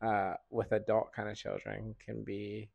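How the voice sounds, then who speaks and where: A man co-hosting a podcast, talking in a thoughtful, measured, somewhat halting way. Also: on the low side, monotone, creaky, darkish tone, dry recording. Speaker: podcast co-host. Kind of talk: casual chat.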